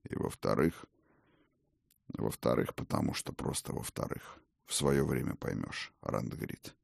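A man reads the part of an ancient, imperious god-king with a very deep, gravelly voice. He speaks slowly and commandingly, his pitch swinging widely. The sound is close and dry. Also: expressive, darkish tone, no room sound, exaggerated voice. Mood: musing. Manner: commanding, slow and rumbling. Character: old male god-king, imperious and hearty. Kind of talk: audiobook character reading.

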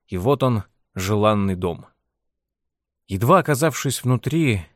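A man narrating an audiobook in a steady, measured reading style. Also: medium pitch, no echo, studio quality. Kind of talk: scripted narration.

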